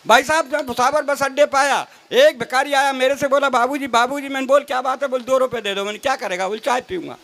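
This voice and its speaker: Speaking fast with hardly any pauses, this man has an extremely high, creaky, fairly bright voice held at a steady tone. He's a comedy poet on stage, reciting humorous verse into a stage microphone, acting out mock conversations and poking fun at fellow poets as a live crowd sounds behind him.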